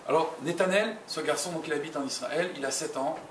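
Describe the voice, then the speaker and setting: A man's voice: a little high, a little fast. A man, a rabbi, telling a story as a sermon, talking straight to his listeners and repeating phrases for emphasis. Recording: roomy, distant mic, noisy ambience.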